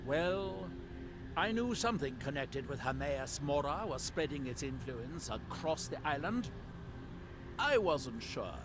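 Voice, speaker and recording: A haughty old elf wizard. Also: male voice, fairly high pitch, sing-song, a little slow. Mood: lecturing. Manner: lofty, condescending, precise. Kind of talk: video game dialogue. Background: game music.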